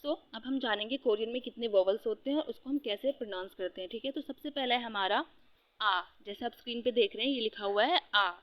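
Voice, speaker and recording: A woman's voice: on the high side, quick pace, no room sound. A young woman teaching a beginner language lesson, patiently repeating sounds and checking in often with "okay". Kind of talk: beginner lesson, Hindi mixed with English.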